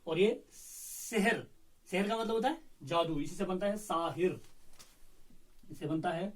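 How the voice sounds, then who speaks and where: A man teaching Urdu, explaining a poem line by line, slow and careful, repeating words to show how they are said and often clearing his throat. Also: a little high, far from the mic, poor audio.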